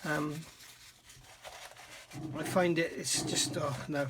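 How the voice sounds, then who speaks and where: Brit hobbyist host, rather high voice, dry throat, chatty and self-deprecating tutorial at home bench. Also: male voice, little pitch movement, slow pace, noisy background. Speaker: scale model building channel host. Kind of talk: casual workbench tutorial.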